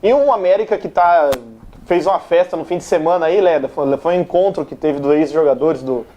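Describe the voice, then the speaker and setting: A man hosts a studio sports chat, chatty and loose as he reads out viewer comments. His voice sits a touch high yet sounds mellow and dark. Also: fairly quick, lo-fi sound. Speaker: sports show host.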